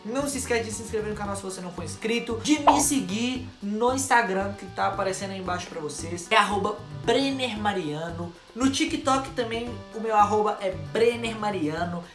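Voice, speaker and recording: Excitable Brazilian guy in an echoey room. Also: high voice, a little fast, hardly any pauses, over music. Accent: Brazilian Portuguese. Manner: chatty, excitable, keeps telling viewers to look. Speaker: YouTuber reacting to videos. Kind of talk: casual reaction commentary.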